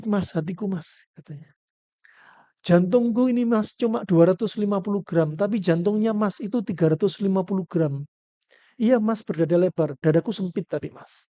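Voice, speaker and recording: A man voicing a gentle wife who quietly pleads with her husband, coaxing and soft, in a dull lo-fi lecture recording. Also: high voice, moderate pace, dry recording. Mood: gentle pleading.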